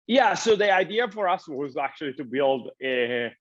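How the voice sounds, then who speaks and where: A man from Italy, founder and interview guest, answers in a halting way, full of fillers and repeated words. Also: fairly high pitch, big pitch swings, a bit bright. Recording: slightly dull, lo-fi audio.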